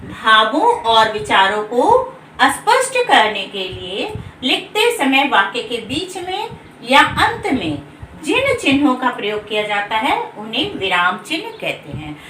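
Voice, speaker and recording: A woman teacher giving a grammar lesson, explaining slowly and repeating each term in other words. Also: fairly high pitch, sing-song, pushed and bright, reverberant, far from the mic, slight background noise, rough recording. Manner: explains slowly, repeating terms and rephrasing them. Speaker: Hindi teacher.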